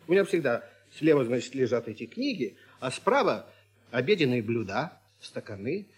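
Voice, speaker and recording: Man, middle-aged, husky voice, animated ironic lecturing, children's radio teacher. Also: medium pitch, moderate pace. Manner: mock-stern, ironic lecturing. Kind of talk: scripted children's radio comedy.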